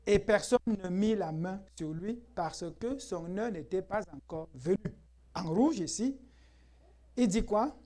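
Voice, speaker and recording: A man preaching a sermon as pastor in a church, emphatic and lively, firing rhetorical questions at the congregation and laughing often. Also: high voice, unhurried.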